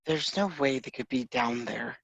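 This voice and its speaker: A man's voice: mid-range voice, completely flat delivery, moderate pace, fairly bright tone, no room sound, natural voice. A wary adventurer in a tabletop game, put on by a man, muttering under his breath. The sound is close and dry, with no room around it. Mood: doubtful.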